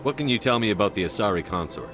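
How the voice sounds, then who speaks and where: An actor playing a human military commander in a video game, asking questions in a direct, matter-of-fact way. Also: male voice, fairly low pitch, lively intonation, very fast, lightly acted. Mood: businesslike. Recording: game music behind the voice.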